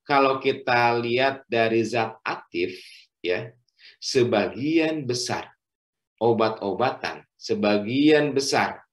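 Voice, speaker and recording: A middle-aged doctor with a mid-range voice gives a health lecture at a religious study session. He speaks in measured phrases, uses frequent fillers, and addresses the listeners as friends.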